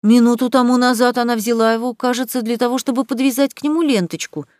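A woman doing lively, loud Jo. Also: a little high, fast, no room sound, studio quality, lightly acted. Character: lively outspoken teenage girl Jo.

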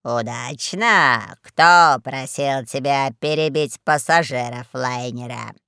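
A woman voicing a lazy, fat, menacing male crime boss in a storybook, drawling slowly and low. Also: fairly bright tone, smooth, no echo, studio quality, heavily acted.

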